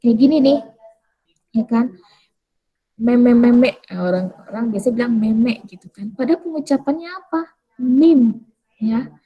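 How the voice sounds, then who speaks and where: A woman teaching an English pronunciation lesson in a casual, chatty way, asking questions and then answering them herself while repeating words slowly. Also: on the high side, breathy edge, highs cut off.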